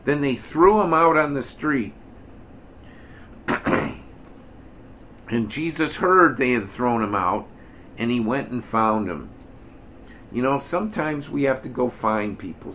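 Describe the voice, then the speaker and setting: A man's voice: medium pitch, vocal fry, fairly bright tone, slight background noise. An older man preaching in a plain-spoken, folksy way, now and then lifting his voice into emphatic quoted lines. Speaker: minister. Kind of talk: conversational sermon.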